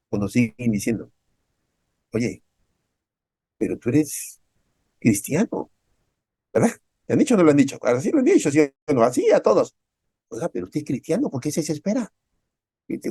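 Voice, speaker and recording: Man preaching with lively quoted voices. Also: mid-range voice, breathy edge, dry recording, clean studio sound. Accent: Peruvian Spanish. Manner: animated, often acts out quoted speakers in a raised voice; asks the listeners many rhetorical questions. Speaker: pastor. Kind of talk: sermon.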